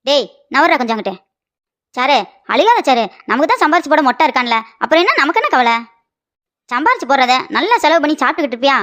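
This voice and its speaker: A woman voicing a sharp-tongued, scolding middle-aged mother-in-law in a cartoon comedy. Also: sits high, sing-song. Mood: lecturing. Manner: rapid scolding and mocking.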